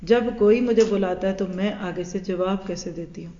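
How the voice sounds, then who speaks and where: A woman teaching a religious hadith class. She speaks in an animated way, acts out everyday dialogue and mixes English words into her talk. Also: mid-range voice, slight background noise. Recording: echoey hall, dull lo-fi sound.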